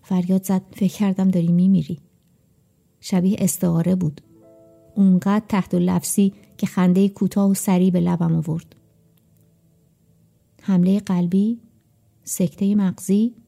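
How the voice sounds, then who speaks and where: Dark, gravelly woman narrating a story. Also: lowish voice, flat delivery, faint music behind. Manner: measured, reflective storytelling. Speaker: audiobook narrator. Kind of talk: first-person audiobook narration.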